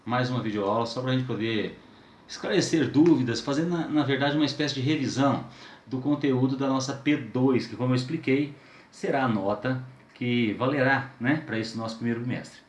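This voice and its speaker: A man's voice: medium pitch, normal speed. A man teaching a recorded lesson, who asks the class questions and stretches out his example words. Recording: echoey room.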